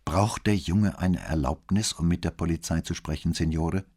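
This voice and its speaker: A man reading an audiobook, voicing a calm, ironic and courteous police commissioner. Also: deep voice, normal speed, breathy edge, voice pushed up, exaggerated voice.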